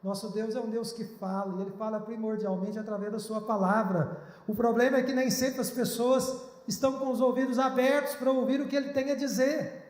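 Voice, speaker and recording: A man's voice: very high-pitched, fairly even intonation, a little fast, darkish tone. A male pastor preaching a sermon in an earnest, pleading way, recorded in a church. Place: church hall. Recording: echoey church hall.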